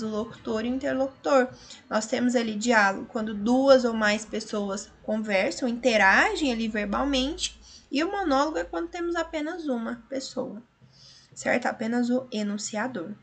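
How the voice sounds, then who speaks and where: A woman teacher from Brazil talks through a revision lesson with a slightly high voice. She explains patiently, point by point. She keeps stopping to check that her students are following. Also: normal speed, a bit bright. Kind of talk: recorded online revision lesson.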